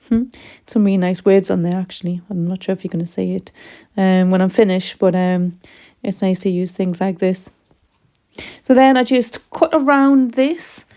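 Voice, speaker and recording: Middle-aged woman, casual craft vlogger, soft mellow voice slightly going, chatty and meandering. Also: medium pitch. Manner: chatty, rambling, frequent ums. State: losing her voice a little. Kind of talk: casual craft tutorial voice-over.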